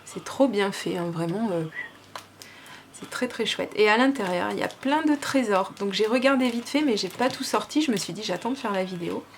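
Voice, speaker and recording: A woman's voice: medium pitch, lively intonation, normal speed, slight background noise. A woman vlogger with a French accent, gushing and chatty as she unboxes gifts, with many fillers. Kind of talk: casual unboxing chat.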